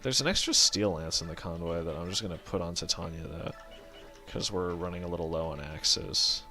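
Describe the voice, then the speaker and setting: A man's voice: low-pitched, brisk, sharp tone, soft background music. A man giving casual gameplay commentary as a let's play host, rambling, correcting himself and swearing offhand as he thinks aloud.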